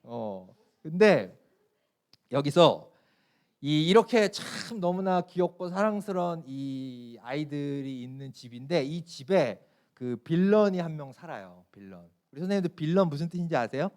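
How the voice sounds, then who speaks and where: A man's voice: on the high side, lively intonation, normal speed, a little mellow. A young man in a church youth service, preaching to middle schoolers in a playful, storytelling way with asides to the audience. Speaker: youth pastor.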